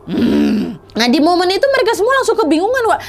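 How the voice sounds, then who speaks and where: A woman with a Riau Malay accent telling a horror story in a chatty, animated way, acting out the characters' voices. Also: very high voice, racing. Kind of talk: casual horror story narration.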